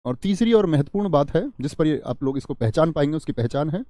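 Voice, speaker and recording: A man teaching Hindi grammar in a live online class, repeating key phrases slowly, quizzing viewers and answering their chat. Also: on the high side, expressive, mellow, no echo, clean studio sound. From India.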